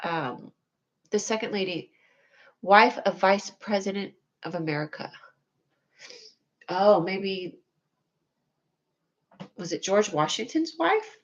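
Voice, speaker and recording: This young woman's livestream chatter is slow and full of frequent pauses, her medium-pitched voice whiny and needy, and the recording is muffled. She wanders scatterbrained from topic to topic, runs herself down, and sometimes squeals with excitement.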